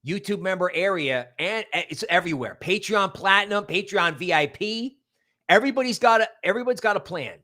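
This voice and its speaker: High-pitched and lively, with a pushed, bright voice, the male livestream host talks fairly quickly. It's a loose, rambling chat full of emphatic repetition, shout-outs to viewers and promotional plugs.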